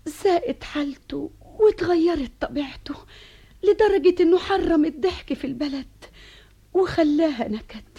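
A woman's voice: very high voice, animated, moderate pace, mellow. An actress playing a fearful, tender queen mother with an Egyptian accent in a vintage radio drama, talking in a soothing, confiding way. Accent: Egyptian Arabic. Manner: soothing, confiding, sometimes whispering. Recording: dull old radio broadcast.

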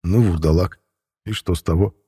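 A man's voice: low voice, normal speed, mellow, breathy edge. A man narrating a first-person audiobook in a dry, sardonic manner.

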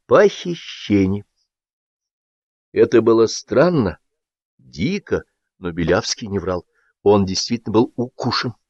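A man narrates a satirical story expressively with a lively, swinging intonation. The recording is dry and close, with a dull, lo-fi tone. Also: fairly low pitch, no echo. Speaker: audiobook narrator. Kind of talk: scripted literary narration.

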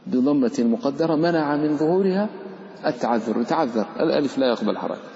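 Mellow-voiced sheikh in a reverberant hall. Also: male voice, medium pitch, expressive, a little fast, a little hiss or hum. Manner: conversational, quizzes students and personifies letters. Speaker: sheikh teaching Quran recitation rules. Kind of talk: classroom explanation to students. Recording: dull reverberant hall recording.

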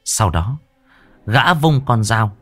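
Male ghost story narrator, low and expressive, dry close mic, faint music bed. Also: slow, no room sound. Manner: dramatic, expressive pacing.

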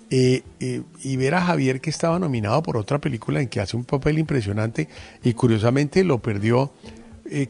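Gravelly radio interviewer. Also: male voice, medium pitch, darkish tone. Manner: effusive, admiring, drawn-out phrasing.

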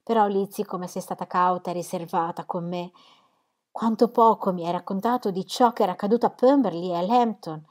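A woman voicing a gentle, kind young woman, an affectionate elder sister, with warm, eager exclamations. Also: mid-range voice, a little fast, lightly acted. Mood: earnest. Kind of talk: audiobook character reading.

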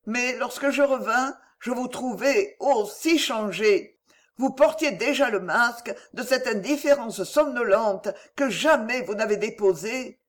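A woman's voice: on the high side, voice pushed up. A woman reading the part of a proud young noblewoman who pleads, tearful and emotional, in an audiobook. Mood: regretful.

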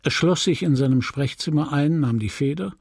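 A man reading a novel aloud as an audiobook narrator in a deliberate, measured way. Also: a little high, darkish tone, no echo, studio quality. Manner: slow, deliberate, gravelly reading.

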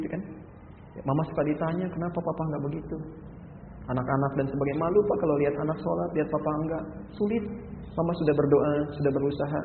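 A man delivers a sermon at a quick clip, his voice sitting a bit high. He acts out the people in his stories and grows louder and higher on key points. The sound is tinny and phone-like, with a long echo from a large hall. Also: slight background noise. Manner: storytelling, acting out voices of mother and child; rises in pitch and volume when stressing points. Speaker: preacher. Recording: echoey hall over a lo-fi, phone-like line.

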